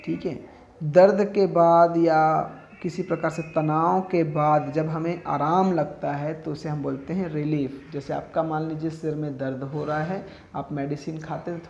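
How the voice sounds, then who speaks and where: A man's voice: fairly high pitch, gravelly, darkish tone, highs cut off, slight background noise. A male teacher, giving a classroom vocabulary lesson, repeating each word for students to echo and often checking they follow. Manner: repeats words slowly for students to echo, with frequent check-ins.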